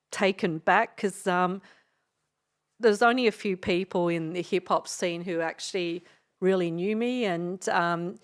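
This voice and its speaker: A woman's voice: lowish voice, clean tone. Chatty middle-aged Australian woman. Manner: chatty, rambling, with frequent hesitations and laughs. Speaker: guest DJ and radio host. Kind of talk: casual storytelling in a podcast interview.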